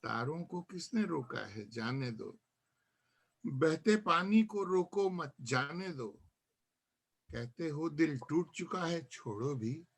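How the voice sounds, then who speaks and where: A male poet recites his verse slowly and deliberately, letting each refrain land. His voice sits a bit high for a man. He also reminisces at an easy, unhurried pace. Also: expressive, gravelly. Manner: measured recitation with repeated refrains. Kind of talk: reciting poetry at a literary gathering.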